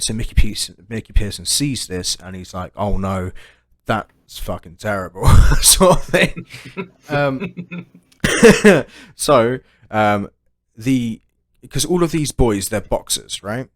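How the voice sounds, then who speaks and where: A man's voice: fairly low pitch, no room sound. A man co-hosting a casual chat show, telling long rambling stories, swearing freely and ending lines with "right?". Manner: rambling storyteller, tags "right?" onto sentences. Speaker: podcast co-host.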